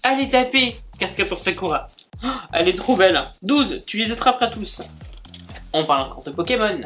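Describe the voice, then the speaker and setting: A man's voice: sits high, lively intonation, fairly quick, bright, forceful tone, faint music behind. A man chatting casually as he unboxes gifts, gushing and exclaiming as he goes. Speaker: book and manga YouTuber.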